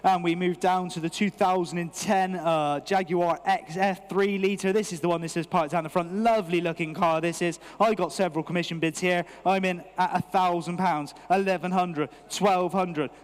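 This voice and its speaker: A man's voice: sits high, steady tone, normal speed, few pauses, big-room sound. A British man working as an auctioneer, calling live bids in a repetitive, rhythmic chant of figures.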